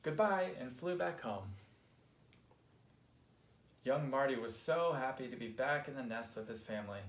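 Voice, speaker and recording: A man narrating a children's picture book, expressive and lively as he reads aloud. His voice sits in a middle pitch and carries a roomy echo. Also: moderate pace. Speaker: storybook reader.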